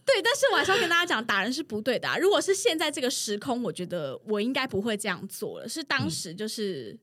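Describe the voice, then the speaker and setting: A loud, excitable woman in her thirties hosts a podcast and tells stories in casual chat. Her voice is high, very animated and swings widely in pitch. She talks fast and laughs often. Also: no echo. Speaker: podcast host.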